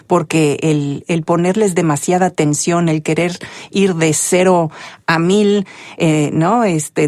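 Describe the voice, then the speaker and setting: A woman hosting an interview, talking thoughtfully and pausing to search for the right words. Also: sits low, a little mellow, no room sound, studio quality. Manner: thoughtful, searching for words, frequent tag questions. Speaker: podcast host. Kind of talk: interview conversation.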